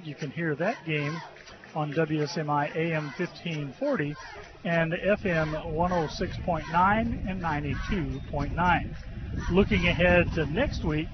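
Muffled radio voice of a man calling football. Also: fairly high pitch. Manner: dense, steady announcer delivery packed with details. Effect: muffled lo-fi radio broadcast sound. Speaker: radio play-by-play announcer. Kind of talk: high school football radio commentary. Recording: muffled radio broadcast with crowd noise.

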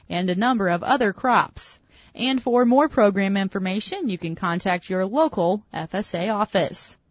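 A woman hosting a farm radio show and reading news in a steady, even way, taped off the radio. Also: mid-range voice, no echo. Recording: dull lo-fi radio sound, dry.

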